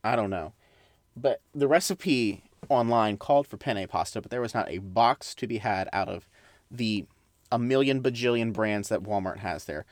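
A man's voice: lowish voice, normal speed, dry recording, studio quality. A young adult man hosting a casual solo podcast, rambling through tangents and side remarks. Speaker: podcast host.

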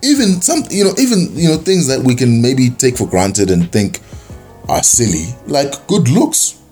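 A man's voice: medium pitch, sing-song, moderate pace, a little mellow, faint music behind. A young man from South Africa with a South African accent, giving a rambling, casual opinion monologue full of fillers and restarts. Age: young adult.

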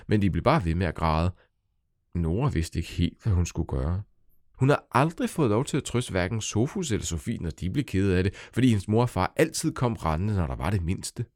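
A man's voice: low voice, darkish tone, dry recording, studio quality. A man narrating his own children's story, playful and speaking directly to young listeners. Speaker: storyteller and author.

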